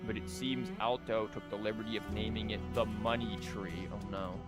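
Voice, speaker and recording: A game streamer chats casually while livestreaming, cracking jokes, wandering into rambling asides, and reading the game's dialogue aloud. His voice sits on the low side, steady and moderately paced, with game music playing behind it.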